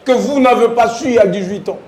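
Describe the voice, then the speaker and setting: A man's voice: very high voice, fast, a little mellow. A man, a panelist in a heated televised debate, sarcastic and pointed and insisting on being heard.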